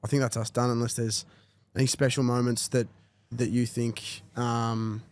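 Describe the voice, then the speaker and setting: A man's voice: mid-range voice, little pitch movement, normal speed. A man hosting a podcast interview, asking friendly prompting questions. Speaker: podcast host.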